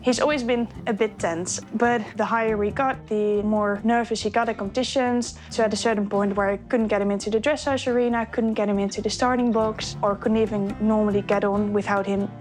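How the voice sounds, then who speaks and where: A woman's voice: mid-range voice, fairly even intonation, fairly quick, hardly any pauses, a little mellow, faint music behind. A nineteen-year-old woman from the Netherlands, an eventing rider, describing her horse in a matter-of-fact way. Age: teens.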